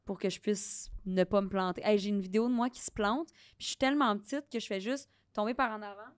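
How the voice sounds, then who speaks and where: A woman's voice: medium pitch, fairly even intonation, fast talker, clear, resonant tone, no echo. Laughing Québécois woman, dry close sound. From Quebec. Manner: laughing, self-mocking storyteller. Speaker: guest. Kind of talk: casual podcast chat.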